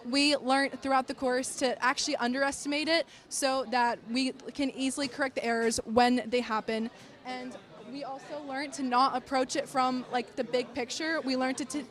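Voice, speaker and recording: A woman presenting as a student, earnest, listing her points with small restarts. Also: high voice. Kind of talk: team presentation.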